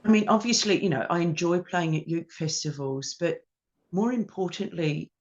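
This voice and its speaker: A woman's voice: fairly low pitch, normal speed. An Australian woman tells stories from her performing life in an interview, acting out what people said along the way. The recording sounds dull and lo-fi. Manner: animated anecdotes with acted-out quotes. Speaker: ukulele teacher and performer. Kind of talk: storytelling in an interview.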